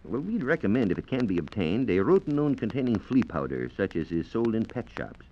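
A deep-voiced American man explains science in a formal, scripted 1940s radio style. His pitch moves in a lively way through measured sentences. The sound is dull and band-limited, from an old transcription disc. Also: slight background noise. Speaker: science reporter on a radio program.

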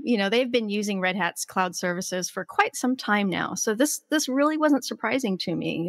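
A woman's voice: medium pitch, fairly bright tone. Giggly woman co-host, echoing. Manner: giggly, upbeat. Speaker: podcast co-host. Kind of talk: casual chat.

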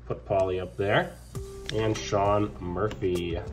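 A man's voice: fairly low pitch, fairly even intonation, slow pace. A man chatting casually as he opens trading card packs, calling out each card and getting upbeat at the good ones. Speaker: card collector opening packs. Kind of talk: casual pack-opening commentary. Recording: background music under the voice.

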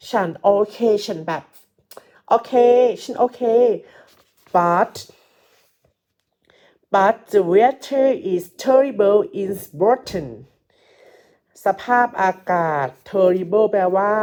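A woman teacher with a medium-pitched, slightly mellow voice gives a slow, patient English lesson explained in Thai. She repeats each phrase, translates it, and quizzes her students, whom she calls kids.

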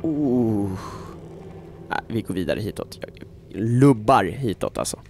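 A man giving chatty let's-play commentary on a horror game, filling silences with talk and switching between hushed whispers and loud yelps. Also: on the low side, lively intonation, slight background noise. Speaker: gaming YouTuber.

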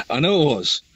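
Husky upbeat co-host. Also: male voice, mid-range voice, fairly bright tone, low-quality recording. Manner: upbeat, laughs easily. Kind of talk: casual chat.

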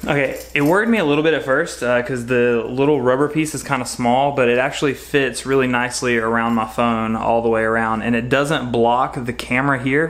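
Recorded in his garage on a camera mic held close, a fishing vlogger in his thirties chats cheerfully while reviewing gear for his casual home vlog. His voice is medium in pitch with a fairly bright tone.

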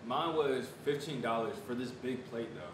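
A man in his twenties with an American accent, casually reviewing food and chewing while talking. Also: moderate pace. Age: 20s. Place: small bare room at a table, indoors. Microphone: camera several feet away. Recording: echoey room, distant mic, clear rumbling noise.

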